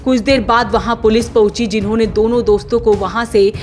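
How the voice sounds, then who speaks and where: A woman reading a scripted local news report in a steady, formal manner. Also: fairly high pitch, fairly quick, soft background music. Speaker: news voice-over narrator.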